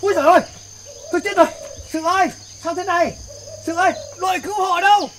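An actor playing a boastful, newly rich village man who talks loudly and bossily. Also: very high voice, fairly even intonation, quick pace, a little hiss or hum. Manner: bragging, loud, bossy. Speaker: comic actor.

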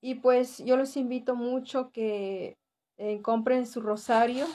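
A woman's voice: on the high side, steady tone, slow pace, dark tone. A woman with a Mexican accent giving an earnest religious testimony, repeating phrases for emphasis and often adding tag questions. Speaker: church member giving testimony.

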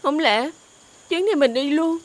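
A pleading young wife. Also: female voice, high-pitched, lively intonation, moderate pace. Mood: anxious. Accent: Southern Vietnamese. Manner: pleading, emotional. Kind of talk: TV fairy-tale drama acting.

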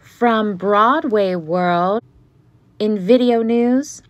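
A woman hosting a casual commentary video, reading comments aloud in a mid-range voice. She breaks in with chatty, animated asides between the readings. The sound is close and dry, with no room around it. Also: medium pitch, drawn-out words, no room sound. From Pittsburgh area, USA. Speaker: Beanie Baby collector and video host.

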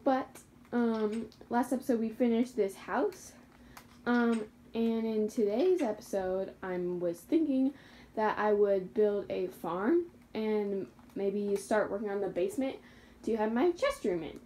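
A young woman talks through her survival game in a relaxed, rambling way, stopping to fix her own slips of the tongue. Her voice is warm and mellow. There is a faint hiss under the recording. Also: mid-range voice, measured pace, low-quality recording. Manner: chatty and rambling, with self-correcting slips and laughs. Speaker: gaming YouTuber. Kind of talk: casual Minecraft gameplay commentary.

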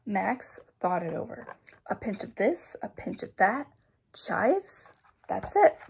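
Gravelly-voiced woman reading a picture book. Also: mid-range voice, a little slow, a little hiss or hum. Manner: expressive, with sound-effect words. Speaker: storybook reader. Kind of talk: children's read-aloud narration.

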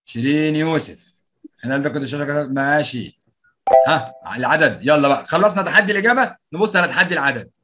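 A man with an Egyptian Arabic accent and a slightly high, quick voice leads a live online workshop as the trainer. He playfully reads participants' answers aloud and greets them.

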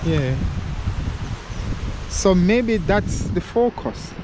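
Chatty and musing aloud, a foraging vlogger in his thirties laughs at his own ideas while filming in a wooded glen with a handheld action camera at arm's length. His voice is high, with lively intonation and drawn-out words. Wind, leaf rustle, and outdoor ambience fill the camera audio.

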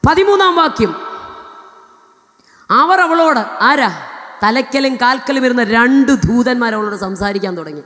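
A woman's voice: fairly high pitch, animated, unhurried, pauses often. Fervent woman preacher in a reverberant hall. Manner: fervent, punctuates with praise exclamations, rises to shouting.

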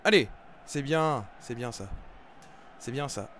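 A young man giving live commentary over his football video game, with excitable, frustrated outbursts about his bad luck. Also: medium pitch, takes it slowly, a little hiss or hum. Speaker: gaming YouTuber. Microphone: desk microphone.

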